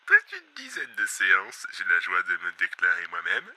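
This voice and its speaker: A man hosting a scripted comic radio monologue, theatrical and sarcastic, who lurches from hushed calm into screaming rage and back. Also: sits low, moderate pace, heavy background noise. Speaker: radio host.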